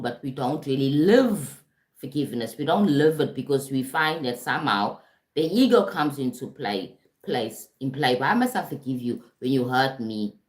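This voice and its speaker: Very low-voiced South African woman. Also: darkish tone, reverberant. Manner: conversational, asks "right?" and "you understand?" often. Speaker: life coach and motivational speaker. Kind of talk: live-streamed spiritual talk. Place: home in Durban, streaming.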